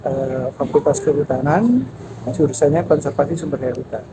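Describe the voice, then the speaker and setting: A man in his fifties, head of a national park office, answering interview questions in a measured, explanatory way with frequent pauses and fillers. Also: on the high side. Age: 50s. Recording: noisy background with passing vehicles.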